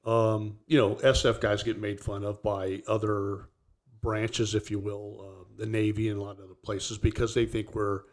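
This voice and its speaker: A man co-hosting a podcast, a former soldier, talking casually in a searching, halting way with many restarts. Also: on the low side, flat delivery, darkish tone. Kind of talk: casual chat.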